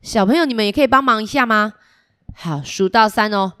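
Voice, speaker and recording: A woman storyteller reading a picture book to small children in an animated way, coaxing them with questions. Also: a little high, brisk, smooth.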